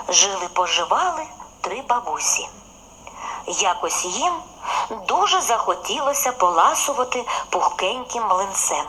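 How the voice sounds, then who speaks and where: Expressive woman reading a children's tale. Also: mid-range voice, a little hiss or hum, rough recording. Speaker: storyteller. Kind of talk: children's story narration.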